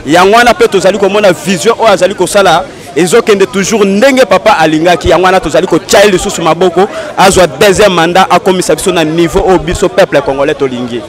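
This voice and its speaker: A man's voice: sits high, quick pace. A man giving an earnest, insistent street interview outdoors in a city. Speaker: interviewee, party supporter.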